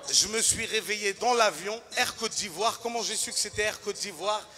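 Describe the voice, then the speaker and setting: Ivorian male comedian on stage, bright cutting voice, acts out characters loudly. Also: sits high, moderate pace. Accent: Ivorian French. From Ivory Coast. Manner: animated, acts out characters and shouts punchlines. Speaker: stand-up comedian. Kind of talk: stand-up comedy routine.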